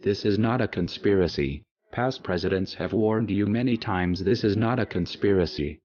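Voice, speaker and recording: Anonymous male narrator, disguised pitched-down voice, very deep, grave declaring tone, muffled lo-fi sound. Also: normal speed, darkish tone. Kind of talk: scripted conspiracy narration. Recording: dull lo-fi audio.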